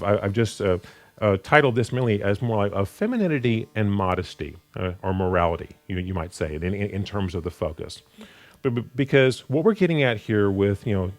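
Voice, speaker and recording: A man giving an unscripted Bible study sermon, often repeating words and restarting his sentences. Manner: animated pitch, rising sharply for emphasis. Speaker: Bible teacher.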